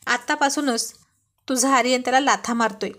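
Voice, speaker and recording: A woman's voice: high voice, fairly quick, fairly bright tone. Woman voicing a playful bossy young wife. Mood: teasing.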